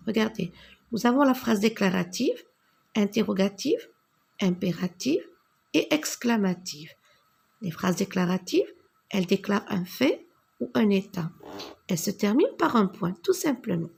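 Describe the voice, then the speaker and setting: A woman teaching a grammar lesson to children, patient and deliberate, spelling out each answer as she writes it. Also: medium pitch, sing-song, vocal fry, a little mellow, breathy edge. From North Africa. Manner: slow, patient, spells out answers while writing.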